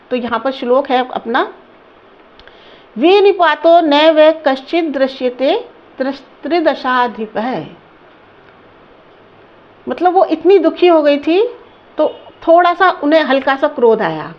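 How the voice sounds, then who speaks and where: Slow high-voiced woman teaching a lesson. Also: highs cut off. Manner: slow, repeats words and asks the class questions. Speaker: Sanskrit teacher. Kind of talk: line-by-line lesson translation.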